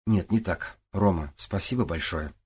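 A man voicing a sharp-tongued young woman who pleads and snaps, in a raised voice. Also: low voice, normal speed, slightly rough. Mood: earnest. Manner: pleading, tart.

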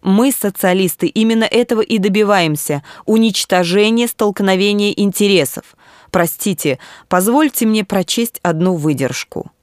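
A self-assured male thinker, read by a woman narrator, argues in an even, patient tone. The audiobook voice is dry and close. Nothing in it sounds forced. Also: mid-range voice, normal speed, dry recording, natural voice. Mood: calm, reasoning. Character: earnest confident male socialist thinker, calm debater. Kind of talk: audiobook reading.

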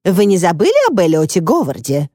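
An excitable, outspoken woman, as a female narrator puts her on in an audiobook, full of exclamations. The voice stays low and mellow, recorded dry and close. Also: a little fast, no echo, heavily acted. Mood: eager.

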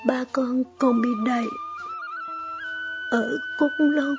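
A hurt young girl speaks through tears in a choked, raised voice, as a woman narrator puts her on. Her words come slowly between sobs in a spoken storybook. A faint musical bed sits under a slightly dull recording. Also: sits high, wildly swooping pitch, over music, exaggerated voice. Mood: tearful. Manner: choked, sobbing. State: crying. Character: young granddaughter, tearful and hurt.

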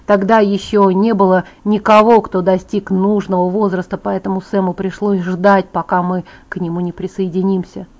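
A woman's voice: mid-range voice, level tone, normal speed, hardly any pauses, a little mellow, close to an everyday voice. A teasing, easygoing teenage werewolf boy, read by a woman in her ordinary mid-range voice. He explains patiently with a wry edge. The audiobook file sounds dull and lo-fi. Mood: earnest. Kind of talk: audiobook character voice.

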